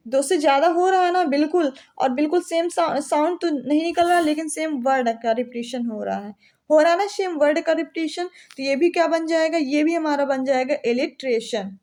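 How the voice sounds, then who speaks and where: A woman with a high voice and an Indian English accent teaches English literature for teacher exams. She keeps asking her class a question and answers it herself. She reads each English example slowly and carefully. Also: darkish tone. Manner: repeats questions and answers them, slows down to read English examples. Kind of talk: exam-prep lesson.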